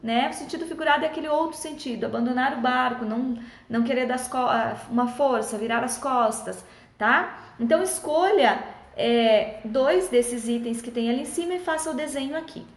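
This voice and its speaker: A woman's voice: high-pitched, a little fast. A woman teacher, patiently explaining schoolbook exercises to children in a friendly way and checking in often. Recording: echoey room.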